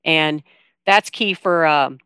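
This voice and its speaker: A woman's voice: low voice, slow pace, bright, forceful tone, clear, resonant tone, no room sound, studio quality. A woman giving informal, explanatory answers as a guest in a conversational interview. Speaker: interview guest, veteran coordinator at a nonprofit.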